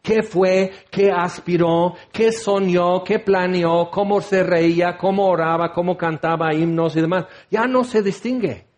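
A preacher with a fairly high voice for a man. He talks through his sermon casually, firing off rhetorical questions and slipping in wry asides. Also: steady tone, unhurried, few pauses. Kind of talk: conversational sermon.

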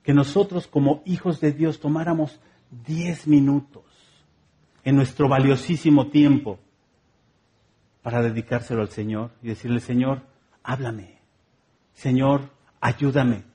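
A man's voice: mid-range voice, fairly even intonation, moderate pace, long pauses, warm tone. A man with a Mexican accent preaching a sermon in a conversational, humorous way, repeating phrases rhythmically.

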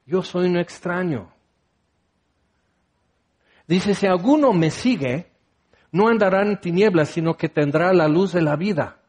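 Man, preacher, high voice, conversational sermon, rhetorical questions. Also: moderate pace, darkish tone. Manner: conversational, acts out listeners' replies, asks rhetorical questions.

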